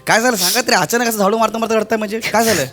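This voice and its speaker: An actor playing a boastful, teasing young master of the house in a stage comedy sketch, joking all the time. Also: male voice, high-pitched, steady tone, very fast. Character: blustering young master of the house, brags about his language. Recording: stage show with loud music behind.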